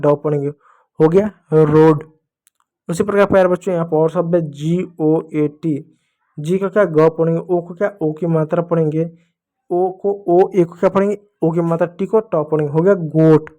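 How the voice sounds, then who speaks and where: A man gives a classroom phonics lesson, and his voice sits a little high. He keeps quizzing his young pupils and answering himself, calling them his dear children. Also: mellow. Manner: asks questions then answers them, addresses "dear children". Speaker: English teacher.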